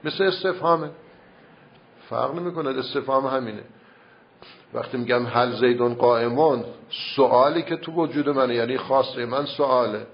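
A man at middle pitch teaching a seminary class, arguing his point with rhetorical questions and patient explanation. The recording sounds dull and lo-fi. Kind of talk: classroom debate on grammar and logic.

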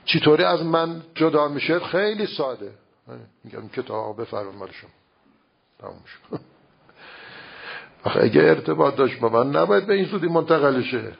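A man's voice: fairly high pitch, lively intonation, gravelly, long pauses, slightly rough. A man teaching religious philosophy in an informal lecture, explaining with everyday examples and rhetorical questions. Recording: dull lo-fi recording.

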